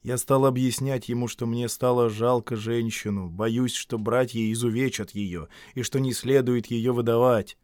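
A man narrating a literary story as an audiobook reader, in a measured, even storytelling manner. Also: mid-range voice, no room sound, clean studio sound.

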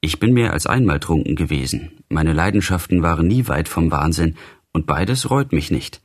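A man's voice: sits low, lively intonation, normal speed. A man giving an impassioned, declamatory first-person reading of a classic novel in an audiobook. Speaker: reader.

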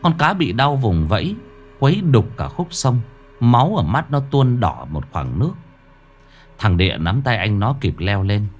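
A man telling a first-person ghost story in a lively, dramatic way. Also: mid-range voice, normal speed. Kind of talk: scripted ghost story narration. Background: faint music.

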